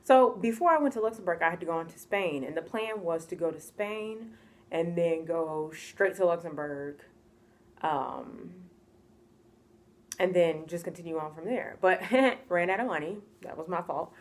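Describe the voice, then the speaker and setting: A woman's voice: on the low side, normal speed. Chatty woman telling a story. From United States. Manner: chatty, full of "like" fillers, acts out quoted voices. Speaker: vlogger. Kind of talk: casual storytime.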